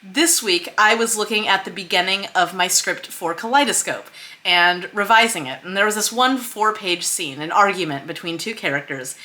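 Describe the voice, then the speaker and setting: Speaking to camera alongside a screen share, the female host of a filmmaking vlog series breezily walks through her process, leaning on key words. She has a mid-range voice that's bright and forceful, delivered at a moderate pace.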